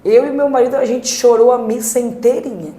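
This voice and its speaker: A Brazilian woman telling her family story as a podcast guest, halting and emotional, with many fillers. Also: a little high, mellow. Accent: Brazilian Portuguese. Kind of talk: personal testimony in a podcast. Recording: echoey room.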